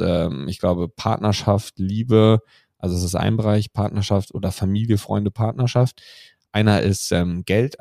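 A man co-hosting a podcast, talking in a relaxed, reflective way with frequent hesitations. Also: fairly low pitch, creaky, no echo, clean studio sound. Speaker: podcast co-host. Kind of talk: casual podcast conversation.

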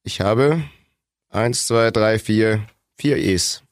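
Low-pitched male co-host, plain and relaxed, dry close mic. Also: very slow, dry recording. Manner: reads out definitions plainly. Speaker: podcast co-host. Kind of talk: casual chat.

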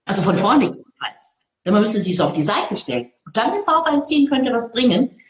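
A woman who speaks on stage, telling stories in an interview in a lively, expressive way. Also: a little high, fairly quick, echoey room, a little hiss or hum. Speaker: public speaker. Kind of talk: interview conversation.

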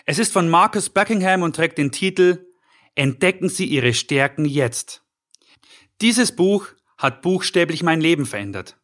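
A man's voice: fairly high pitch, lively intonation, measured pace, a bit bright. A middle-aged man, a life coach and podcast host, giving a scripted motivational talk in an earnest, encouraging way, speaking directly to the listener.

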